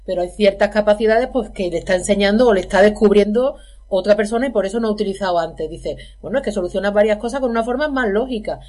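A woman's voice: mid-range voice, quick pace, a little mellow. A woman in a casual film discussion, talking in an exasperated, emphatic way. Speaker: film commentator.

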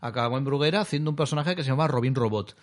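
A man's voice: medium pitch, racing. A man in casual chat, chatty and nostalgic, laughing often as he talks. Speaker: comics podcast co-host.

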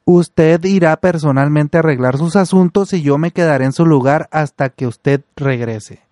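A calm, loyal young colonel who answers steadily, as a storyteller reads him. The voice is fairly high and the recording is dry and close. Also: male voice, moderate pace, dry recording, close to an everyday voice.

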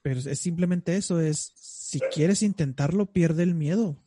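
A young man with a Mexican accent, co-hosting a casual chat, telling stories in a lively way with playful voices. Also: on the high side, moderate pace, noisy background. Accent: Mexican Spanish. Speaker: co-host.

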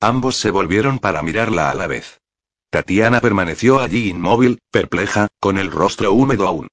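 A man narrating a novel as an audiobook, reading in a calm, measured way on a close mic. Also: low-pitched. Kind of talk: scripted narration.

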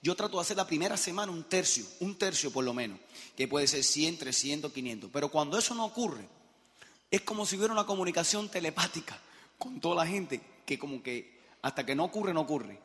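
A middle-aged Cuban man with a Cuban Spanish accent gives a live motivational talk, throwing questions straight at the audience. His voice sits a little high and sounds bright. It carries a long hall echo, with a faint crowd behind him. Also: animated, brisk. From Cuba. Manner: emphatic, addresses the crowd directly with questions. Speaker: motivational business speaker.

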